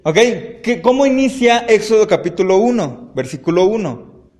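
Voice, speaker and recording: A man's voice: high-pitched, very animated, normal speed, a little mellow. A man teaching an interactive Bible study class, often quizzing his students and checking in with "¿ok?". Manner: asks the class frequent questions, ends points with "¿ok?".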